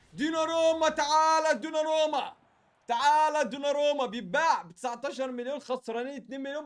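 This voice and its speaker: Very high-pitched, fast-talking Egyptian man. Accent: Egyptian Arabic. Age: young adult. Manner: excitable, slangy, chatty, repeats phrases. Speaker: gaming YouTuber. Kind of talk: casual gameplay commentary.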